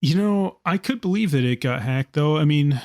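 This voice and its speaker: A man co-hosting a podcast, talking in a relaxed, reflective way with light joking. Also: a little high, normal speed, no echo, studio quality. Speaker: podcast co-host. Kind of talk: casual podcast discussion.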